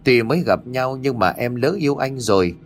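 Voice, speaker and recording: A man's voice: medium pitch, normal speed, close to an everyday voice. A man voicing a mysterious young woman in a spoken ghost story, talking in a coaxing, evasive way.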